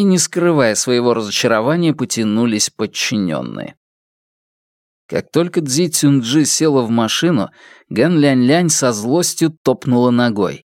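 A narrator reading a novel aloud in a lively, expressive way. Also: medium pitch, no room sound, clean studio sound. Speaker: audiobook narrator. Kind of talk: scripted narration.

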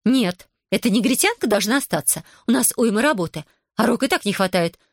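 Woman doing a spiteful whiny mistress, higher pitched, hissing complaints, dry close audiobook. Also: lively intonation, fairly quick, no room sound. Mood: whining. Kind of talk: audiobook reading.

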